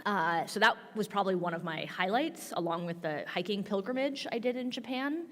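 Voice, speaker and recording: A middle-aged American woman telling a personal story in an animated, informal way, often saying "like" as she goes. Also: medium pitch, a little fast. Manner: informal, frequent "like" as filler, laughs while telling. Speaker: minister and guest on a panel. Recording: echoey hall with long reverb.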